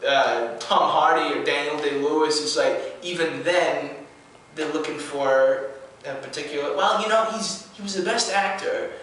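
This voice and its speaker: A man's voice: on the high side, normal speed, fairly bright tone, slight background noise. A young man from New Zealand with a mostly American accent and a trace of his home accent, talking earnestly in a casual interview, restarting his sentences often. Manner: restless and earnest, many restarts and fillers. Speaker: actor being interviewed. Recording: echoey room from far off.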